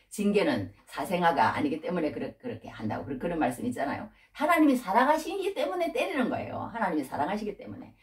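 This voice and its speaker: A woman preacher delivers a sermon in a lively, dramatic way, her low voice rising and falling sharply as she acts out scolding dialogue. She sounds set back from the microphone. The hall around her is roomy and echoey. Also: far from the mic. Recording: echoey room, voice from off the mic.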